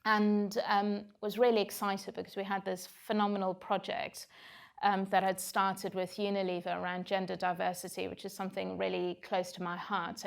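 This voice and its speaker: With vocal fry in a mid-range voice, a South African woman in her forties tells her story to an audience on stage. The talk is candid and reflective, spoken in a South African accent and full of "um" fillers.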